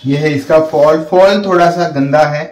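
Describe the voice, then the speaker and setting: A laundry business owner in his thirties narrates a casual, step-by-step laundry how-to from an indoor workshop, addressing viewers like friends. His voice is a little high with a darkish tone, at normal speed, and the recording is reverberant.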